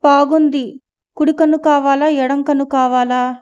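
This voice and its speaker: A woman's voice: sits high, fairly even intonation, a little slow, a little mellow, muffled recording. A woman reader voicing an exasperated middle-aged husband who answers his wife curtly and sternly in an audio novel.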